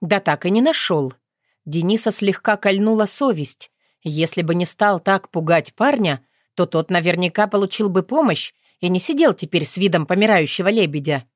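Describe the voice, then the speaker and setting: A woman narrating an audiobook in a measured, unhurried way. Her voice is on the low side. The recording is dry and close, with no room sound. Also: expressive, no echo. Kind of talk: scripted narration.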